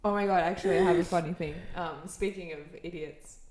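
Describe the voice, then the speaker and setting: A woman's voice: lowish voice, fairly even intonation, fast talker, darkish tone, echoey room. A woman in her twenties co-hosting a podcast, telling stories in casual chat, laughing often and swearing freely. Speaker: podcast co-host.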